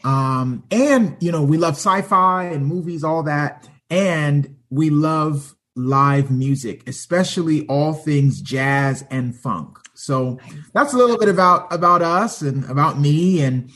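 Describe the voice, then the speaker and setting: A man's voice: fairly high pitch, expressive, slow pace, a bit bright. A man from Canada chatting as a podcast guest, friendly and chuckling, with lots of ums and uhs. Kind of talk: casual chat.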